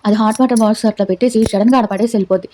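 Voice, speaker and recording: A woman talks quickly in a soft, mellow voice that sits a little high. She hosts her own channel and runs through a reality-show recap in a casual, chatty way, slipping into the contestants' quoted lines as she tells it. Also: fairly even intonation, slight background noise. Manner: chatty retelling that acts out the quoted dialogue. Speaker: YouTube channel host.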